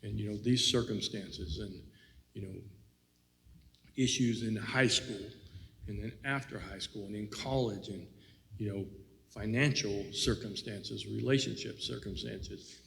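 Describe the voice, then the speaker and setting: A man with a low, gravelly voice talks slowly and thoughtfully about faith, circling back on his words. His voice rings with a long reverb, as if he were in a big hall. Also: steady tone, a bit bright. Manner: reflective, rambling, many "you know"s. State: has the hiccups. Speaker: co-host. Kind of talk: casual faith talk.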